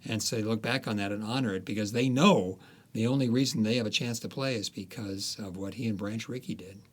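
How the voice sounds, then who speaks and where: An author with a lowish voice talks through his ideas in a casual interview. He's thoughtful and halting, often restarting his sentences.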